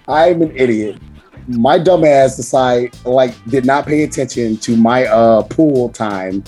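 A male podcast host with a badly hoarse, husky voice that is nearly gone. He chats casually and rambles in a slangy, self-deprecating way. Faint music plays behind him. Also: mid-range voice, a little slow, warm tone.

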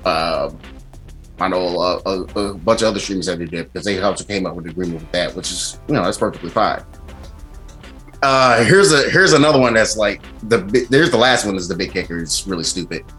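Male streamer, casual and blunt, sweary slang, very lively pitch, music underneath. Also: fairly quick. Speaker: streamer host. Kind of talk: casual ranting commentary on gaming rules.

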